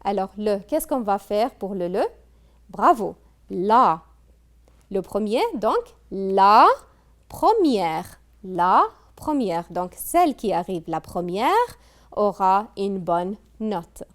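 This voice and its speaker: Slow, lively-voiced woman teaching French grammar. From Kuwait. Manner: slow, drawn-out teacher talk with lively pitch, prompting students. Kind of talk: classroom grammar lesson.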